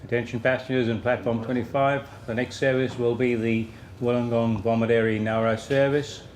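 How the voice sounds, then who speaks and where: A man making a formal platform announcement, heard over a station public-address loudspeaker. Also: medium pitch, level tone, normal speed.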